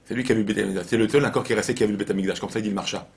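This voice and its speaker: Man, rabbi, informal Torah lesson, animated storytelling, repeats phrases. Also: on the low side, racing, vocal fry.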